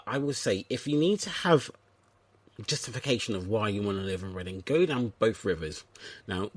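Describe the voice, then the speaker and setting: A man's voice: on the low side, no echo. A man from England hosting a comedic podcast, chatting in a playful, rambling and self-mocking way. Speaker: podcast host. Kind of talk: comedic casual chat.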